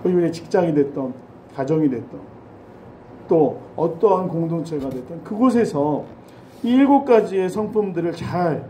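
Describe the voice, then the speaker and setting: A man's voice: on the high side, expressive, moderate pace, dark tone, a little hiss or hum. A man in his forties preaching a Sunday sermon in a church, with a chatty, anecdotal style and touches of humor. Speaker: pastor. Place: church sanctuary. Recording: roomy church hall echo.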